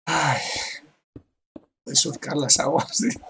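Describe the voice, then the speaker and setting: A man's voice: on the high side, slow, pushed and bright, slight background noise. A man from giving casual gameplay commentary, laughing often and reading other players' messages aloud. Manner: laughs often, reads out chat with "dice". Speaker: gaming youtuber.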